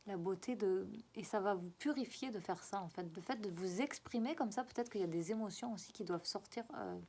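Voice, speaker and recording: Halting, coaxing woman giving spiritual guidance. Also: medium pitch, darkish tone, a little hiss or hum. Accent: regional French accent. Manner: coaxing and repetitive, often halting to search for words. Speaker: spiritual guide giving a card reading.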